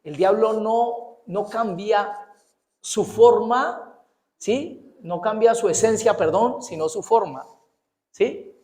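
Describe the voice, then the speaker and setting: A man preaching a sermon as pastor, animated, firing rhetorical questions at the congregation and tripping over his words as he speeds along. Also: sits high. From Colombia. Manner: fast-talking, trips over his words. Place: church. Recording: echoey church hall.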